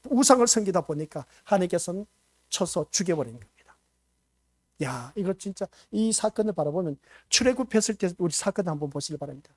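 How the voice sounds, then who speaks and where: A male pastor preaching a sermon, asking the congregation rhetorical questions and swinging between loud emphasis and hushed asides. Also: high voice, animated, fairly quick, no echo, studio quality. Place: church.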